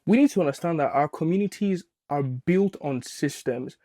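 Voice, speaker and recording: A man's voice: fairly high pitch, expressive, normal speed, dark tone, no echo. A man hosting a reaction video, giving his opinions in casual commentary with many fillers and restarts.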